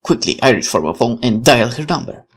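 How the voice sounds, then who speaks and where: A man's voice: mid-range voice, big pitch swings, brisk. A man playing a game for viewers, reading visual novel narration aloud like a dramatic storyteller and adding musing commentary. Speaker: let's player.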